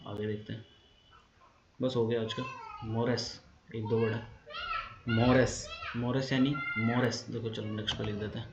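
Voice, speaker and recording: A man's voice: medium pitch, level tone, normal speed, long pauses. A man with an Indian accent teaching English vocabulary in a casual lesson. He repeats each word several times and spells words out letter by letter. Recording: dull lo-fi sound with clear background noise.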